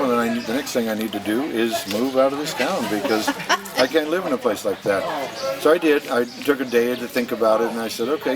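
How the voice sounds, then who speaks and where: A man in his sixties with an American accent, telling personal stories casually in a rambling, halting way as an interviewee. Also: mid-range voice. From United States. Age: 60s. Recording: distant microphone with noisy ambience.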